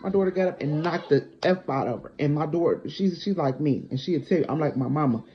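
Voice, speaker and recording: A woman's voice: low voice, quick pace, slight background noise. A middle-aged woman telling a personal story casually and bluntly, acting out what people said, in a dull lo-fi recording. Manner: animated, blunt, acts out quotes. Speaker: storyteller vlogger.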